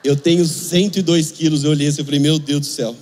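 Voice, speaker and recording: Brazilian male pastor, young, high voice, humorous storytelling sermon, long reverb with faint music behind. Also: fairly even intonation, quick pace, a little mellow. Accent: Brazilian Portuguese. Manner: humorous storytelling with acted dialogue.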